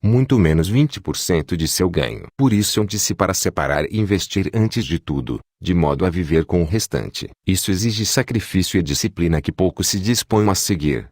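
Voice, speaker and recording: A man narrating a motivational audiobook in a steady, assertive manner, read into a close studio mic. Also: low-pitched, normal speed, few pauses, no echo.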